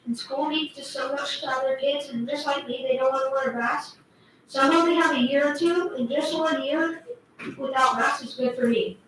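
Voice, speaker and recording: Young girl, high-pitched, earnest and halting public comment, distant mic in a very echoey board room. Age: child, final year of elementary school. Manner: earnest, halting, simple phrasing. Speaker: student giving public comment. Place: large meeting room. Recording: echoey room, far from mic, faint noise.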